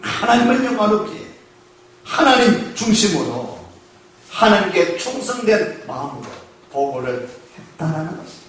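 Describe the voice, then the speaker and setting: His pitch swinging widely, a high-voiced pastor preaches in a church sanctuary, drawing responses with questions to the congregation and slowing on key phrases. The tone is fairly bright. A distant mic in the echoey hall catches slight background noise.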